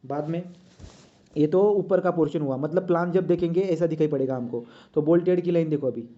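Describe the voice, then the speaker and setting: A man's voice: a little high, a little fast. A man teaching a drawing lesson, talking as he draws and checking often with "right?". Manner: talks while drawing, many checks like "right?". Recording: dull lo-fi sound.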